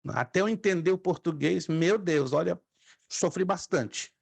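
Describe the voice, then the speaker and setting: A middle-aged Brazilian theology teacher, a native speaker of Spanish and Hebrew, gives an online class and patiently repeats words for his students to echo back. His voice is high, gravelly and a bit breathy, and he speaks at a measured pace.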